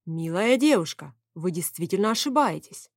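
A woman's voice: fairly low pitch, animated, moderate pace, a little mellow, dry recording. A polite middle-aged emperor in an audiobook, read by a woman. He speaks courteously with mild amusement. The recording is dry and close to the mic. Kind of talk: audiobook character voice.

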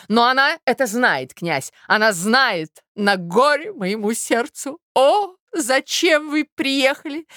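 A woman voicing a scheming middle-aged mother who gushes in loud, theatrical exclamations. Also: a little high, dry recording, studio quality, voice pushed up.

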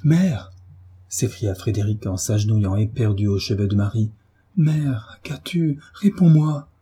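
A man's voice: fairly low pitch, flat delivery, fairly quick, dark tone, breathy edge. A man voicing a frightened young son, desperate and urgent, in a storybook reading.

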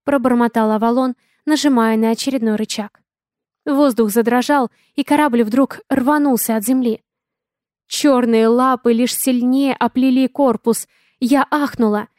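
Higher-voiced woman reading an audiobook. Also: steady tone, measured pace, a little mellow, no echo, studio quality. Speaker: audiobook narrator. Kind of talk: first-person audiobook narration.

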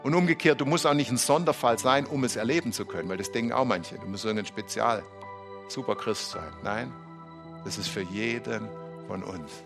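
A male pastor leading a charismatic sermon with prayer in a church, swinging between loud exclamations and soft, murmured prayer. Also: lowish voice, a little fast, vocal fry, over music. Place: church hall, also streamed live.

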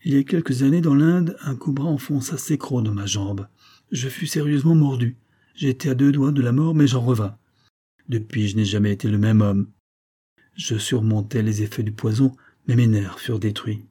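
A man reading the lines of a cold, nerve-shattered husband in an audiobook, grave and measured. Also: medium pitch, warm tone, breathy edge, natural voice.

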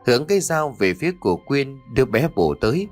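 A man narrating a horror story as a storyteller, reading in a steady, measured way. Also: medium pitch. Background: faint music.

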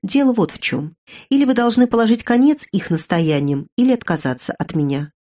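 A woman voicing a ruined young man in an audiobook, speaking in a measured, grave and resigned way. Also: on the high side, animated, mellow, voice pushed up, natural voice. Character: young man, earnest, bitter, ruined suitor.

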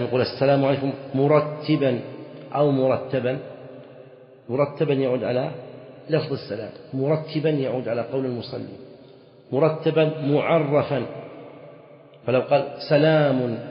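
A man teaching Islamic jurisprudence in a classroom lecture, explaining a text, repeating key phrases and putting questions to his students. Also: mid-range voice. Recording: echoey hall, dull lo-fi sound.

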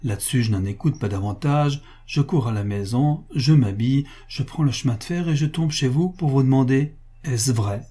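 An older coal merchant in his sixties pleads for his daughter's sake, voiced by a man reading a storybook. He talks earnestly and presses hard, his tone mellow and slightly husky. The pitch climbs above the plain narration. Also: moderate pace, hardly any pauses, close to an everyday voice. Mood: pleading. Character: worried sixty-year-old coal merchant, pleading father.

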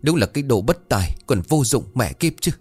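A man voicing a shrill, abusive middle-aged mother who screams curses at her daughter in rapid tirades. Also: animated, darkish tone, husky. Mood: screeching, abusive. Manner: cursing, screeching, rapid tirades.

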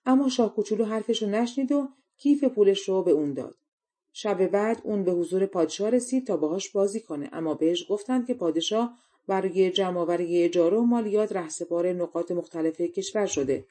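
A woman narrating a fairy tale audiobook in a calm, even storytelling manner. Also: mid-range voice.

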